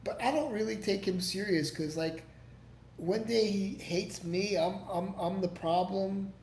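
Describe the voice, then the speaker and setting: This man runs a casual livestream where he answers comments in a rambling, foul-mouthed way full of false starts. He has a high-pitched, slightly mellow voice and keeps a measured pace, and the room echoes with faint background noise.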